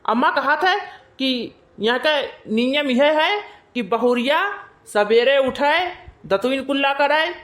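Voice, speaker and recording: A woman's voice: high-pitched, measured pace. A woman voicing a meek young village husband in a cartoon, sweet-talking his wife. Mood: explaining. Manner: pleading, sweet-talking, wheedling. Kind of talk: cartoon voice acting.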